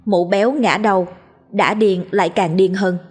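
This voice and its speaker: A woman narrating a scripted audiobook story in a lively comic way. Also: mid-range voice, normal speed, slightly rough, soft background music.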